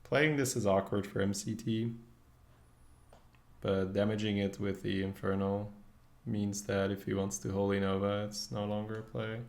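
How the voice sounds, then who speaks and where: A young adult man, a native Dutch speaker, streams from a desk in an indoor room on webcam, casually commenting on his gameplay and thinking aloud in slangy English. His voice sits on the low side, with a steady tone and moderate pace. The recording has a roomy echo and faint background noise.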